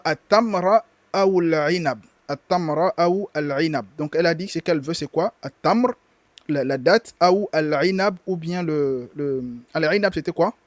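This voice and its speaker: A man with a fairly high voice, recorded dry, teaches a language class live. He patiently repeats words and drills verb conjugations aloud, moving between explanations and careful pronunciation as he goes through dialogue and vocabulary.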